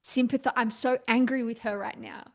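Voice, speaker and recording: A woman's voice: on the high side, steady tone, moderate pace, gravelly. A young adult woman opening up candidly in a therapy session, hesitant and searching for words, with frequent "like" and restarts. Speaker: podcast host and client.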